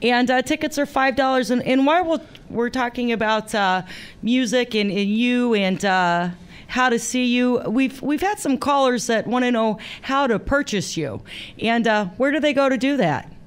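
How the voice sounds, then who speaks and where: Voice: medium pitch, normal speed, clean tone. Laughing, rambling radio host. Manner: laughing, rambling with many fillers. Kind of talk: live radio interview. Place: radio studio.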